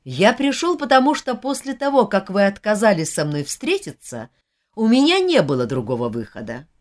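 A woman voicing a young male officer, agitated and insistent, close to shouting. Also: medium pitch, very animated, normal speed, natural voice. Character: angry young male officer, grieving his brother.

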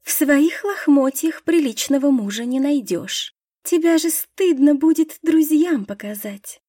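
A woman's voice: sits high, lively intonation, measured pace, dark tone, no room sound, studio quality, voice pushed up. A woman voicing a spoiled, snobbish young female student who talks in a scornful, whiny way.

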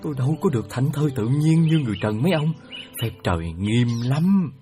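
An actor playing a heavenly god disguised as an old beggar, speaking in a slow, halting, sly way. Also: male voice, medium pitch, lively intonation, mellow, faint music behind, close to an everyday voice. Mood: secretive. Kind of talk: radio play acting.

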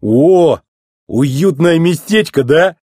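A man putting on a rusty old tow truck who is goofy, teasing and boastful, stretching his words out in a slow, sing-song drawl. The voice sits well above a normal man's speaking pitch and swoops widely, with a husky edge, and it sounds close and dry. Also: lively intonation, darkish tone, dry recording. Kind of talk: storybook reading.

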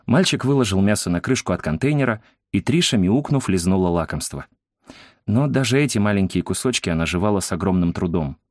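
Low-voiced male audiobook narrator. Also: darkish tone, no room sound, clean studio sound. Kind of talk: scripted narration.

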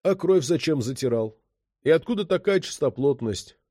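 A man voicing a gruff, unflappable boatswain cop with a bass voice in an audiobook. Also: lively intonation, normal speed, darkish tone, no room sound, clean studio sound. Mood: gruff coaxing.

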